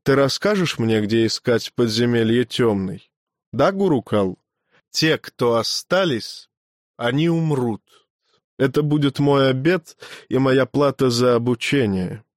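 A cold, ruthless brahmin speaks in an even, grating voice, as a man puts him on. He is unhurried and never raises his tone. The recording is close and dry, at a middling male pitch. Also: no echo, natural voice. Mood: calm resolve.

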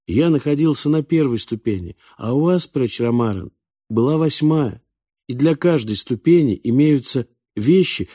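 A man's voice: medium pitch, warm tone, dry recording, studio quality, voice pushed up, natural voice. A man voicing an earnest young boy from another planet who explains things in a plaintive, eager way. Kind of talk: audiobook character voice.

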